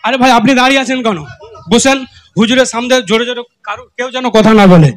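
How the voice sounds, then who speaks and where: A man, moderating a village gathering over a microphone, repeatedly and politely asking people to sit down and be quiet. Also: extremely high pitch, fast. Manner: pleading, repetitive, polite appeals. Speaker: moderator calming the crowd. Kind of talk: crowd control over a microphone.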